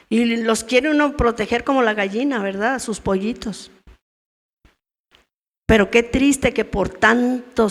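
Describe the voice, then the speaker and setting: A woman's voice: fairly high pitch, creaky. Middle-aged woman teaching in church. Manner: conversational, asks the audience questions. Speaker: women's ministry teacher. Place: church meeting room. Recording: long reverb of a church hall.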